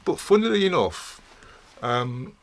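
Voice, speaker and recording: A middle-aged man, a podcast guest telling his story in a studio with many pauses, fillers and repeated words. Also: a little high, very animated. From England. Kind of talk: casual interview storytelling.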